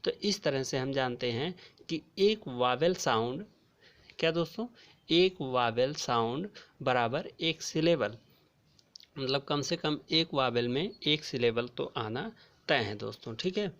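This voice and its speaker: A man teaching a grammar lesson, speaking slowly and repeating key terms as he addresses his viewers as friends. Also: mid-range voice, animated, a bit bright. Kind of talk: classroom lecture explaining grammar. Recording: dull lo-fi recording.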